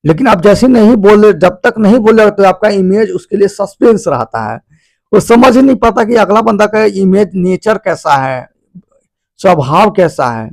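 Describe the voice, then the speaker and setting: High, gravelly man explaining casually. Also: darkish tone, dry recording. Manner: conversational and repetitive, addresses listeners as "bhai". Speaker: video host. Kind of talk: casual spoken explainer of a self-help book.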